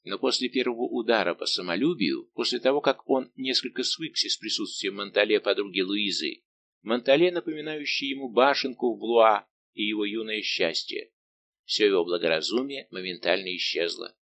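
A man reading a historical novel aloud as an audiobook narrator, in a steady, even literary manner. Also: on the low side, moderate pace, gravelly. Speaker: audiobook reader. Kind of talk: scripted narration.

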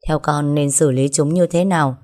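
A woman's voice: sits low, steady tone, normal speed, darkish tone, lightly acted. A woman voicing a ruthless older female gang boss who speaks harshly and commands. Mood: cold, stern.

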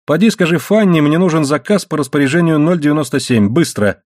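Calm, wry young man in an audiobook, read by a man: easygoing, dry, husky. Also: mid-range voice, moderate pace, no room sound. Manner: easygoing, dry, laughing off danger. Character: young man, calm, stubborn and wryly amused.

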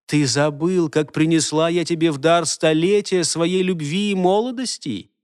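A man's voice: fairly high pitch, moderate pace, clear, resonant tone, no echo, studio quality, close to an everyday voice. A man voicing a seductive, spiteful fairy queen with a sultry, mocking manner. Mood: tender.

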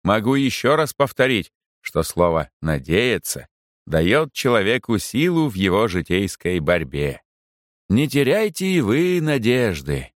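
A man voicing a slippery male army chaplain who dodges his debts and talks in a smooth, mock-sermonizing, ironic way. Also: low-pitched, dry recording, studio quality.

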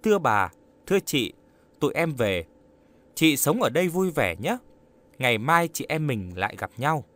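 A man's voice: fairly high pitch, big pitch swings, normal speed, pauses often, a bit bright. A man reading an audiobook, voicing a friendly, helpful young village lad. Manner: friendly, explaining.

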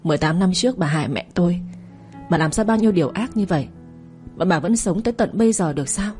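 A woman's voice: lowish voice, lively intonation, fast, darkish tone, soft background music, lightly acted. A woman narrator voicing a cold, vengeful young woman who declaims her threats steadily in a storytelling audio drama.

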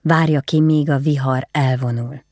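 Brief: stern, weary nobleman, read by the narrator, grave and hushed, close dry audiobook sound. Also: mid-range voice, steady tone, no room sound, lightly acted. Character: grieving stern nobleman, duty-bound, weary.

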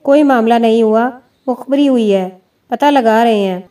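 A gruff old village man, scornful and scolding, read by a woman with a mellow, fairly high voice. The voice sits well back from the microphone. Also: close to an everyday voice. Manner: mocking, scolding. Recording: distant mic.

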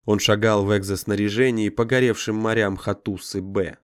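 A man reading a dark science fiction audiobook in a measured, grave storytelling manner. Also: on the low side, steady tone, clear, resonant tone, no room sound, studio quality. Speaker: audiobook narrator. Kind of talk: scripted dramatic narration.

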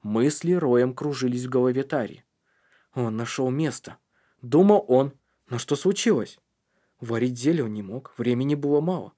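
A man narrates an audiobook in a tense, dramatic reading voice at a middling male pitch. His delivery is scripted and steady, carrying the suspense of the story. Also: normal speed.

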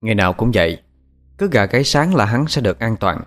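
A man narrating a ghost story as storyteller, dramatic and expressive. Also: lowish voice, quick pace, soft background music.

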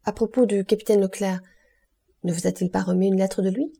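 A woman's voice: medium pitch, fairly even intonation, fairly quick, creaky, warm tone, breathy edge. Woman voicing a sly, envious officer. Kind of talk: audiobook reading.

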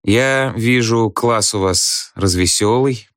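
A man's voice: lowish voice, takes it slowly, a bit bright, no room sound, studio quality. A man voicing a stern, curt young teacher. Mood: dry. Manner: curt, commanding orders. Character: young male teacher, stern, quickly irritated. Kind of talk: audiobook character voice.

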